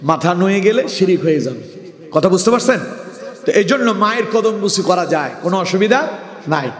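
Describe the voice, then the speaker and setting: A man's voice: high-pitched, lively intonation, a little fast. A man preaching a sermon to a crowd, switching between chanted scripture recitation and rousing calls for the audience to answer back. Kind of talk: Bengali waz sermon. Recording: echoey long-reverb hall.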